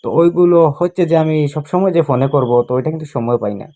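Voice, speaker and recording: A man, an occult practitioner giving a casual instructional talk to his viewers. He speaks in short, halting phrases, repeats himself often and scolds the audience. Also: fairly high pitch, warm tone. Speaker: occult practitioner and spiritual healer.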